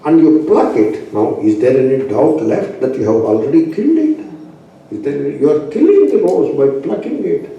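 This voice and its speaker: A man's voice: on the high side, big pitch swings, moderate pace, gravelly, warm tone, dull audio. A man with an Indian accent, a spiritual teacher giving a philosophy class in an emphatic, didactic way, repeating phrases and asking rhetorical questions. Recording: very echoey room, distant mic.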